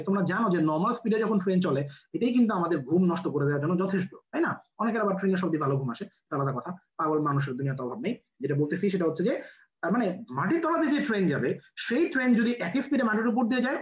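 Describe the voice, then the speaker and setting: Bangladeshi Bengali accent, physics lecturer, rapid classroom drilling, dull lo-fi sound. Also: mid-range voice. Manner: quizzes students with rhetorical questions, repeats key numbers. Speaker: medical admission physics lecturer. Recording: roomy, dull lo-fi classroom recording.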